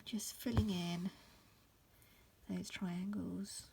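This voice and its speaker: A woman in her thirties, an embroidery teacher croaky from hay fever, leads a casual stitch-along tutorial from an upstairs room at home, rambling in a relaxed way with many ums, fillers and restarts. Her lowish voice has a gravelly edge and moves very slowly, with a faint hiss behind it.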